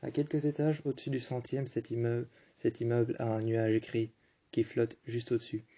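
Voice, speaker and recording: A man tells a tender story straight to a listener, calm and unhurried. His voice is low and mellow and stays almost level, and he often stops to repeat or restart a phrase. The recording sounds dull and muffled. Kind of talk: improvised second-person romantic storytelling.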